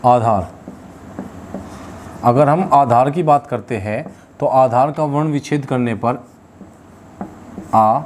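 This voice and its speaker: A male teacher works through a class at a patient pace, saying each key term again and again and stopping to fix his own slips. His pitch sits in a plain middle range. A faint hiss runs under the recording. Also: measured pace, long pauses, a little mellow. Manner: explains step by step, repeats key terms, stops to correct himself. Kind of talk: classroom lesson.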